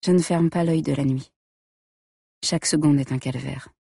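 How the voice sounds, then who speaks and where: A woman narrating a first-person story in a quiet, intimate way. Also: low voice, fairly even intonation, normal speed, creaky, breathy edge, dry recording, studio quality.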